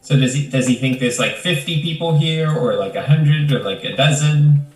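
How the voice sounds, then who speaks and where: A man's voice: on the high side, normal speed. A man playing in a tabletop game, asking questions in a hesitant, inquisitive way. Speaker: player. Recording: roomy distant mic with faint noise.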